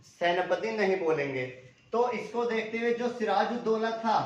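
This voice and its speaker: A man teaching an exam-prep history lesson, asking questions and answering them himself, and repeating key names. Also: high voice. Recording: echoey room, dull lo-fi sound.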